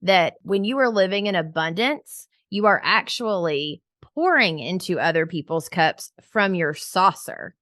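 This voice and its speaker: A woman hosting a podcast in a casual, upbeat chat. Her voice sits low for a woman. The sound is dry and close, with no room echo. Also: expressive, a little slow, few pauses, fairly bright tone. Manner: upbeat, chatty, many "like" fillers. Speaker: podcast co-host.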